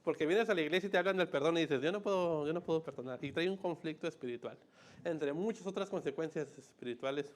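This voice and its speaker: High-voiced preacher, emphatic. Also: male voice. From Mexico. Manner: emphatic, repeats key phrases, swings between loud and hushed. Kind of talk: sermon.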